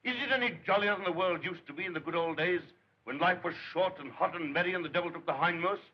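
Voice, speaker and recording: A man's voice: high voice, quick pace, lightly acted. An actor playing a middle-aged male master craftsman who rails against progress in impassioned, declamatory speeches, in 1930s film acting. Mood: scornful. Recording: dull lo-fi 1930s film soundtrack.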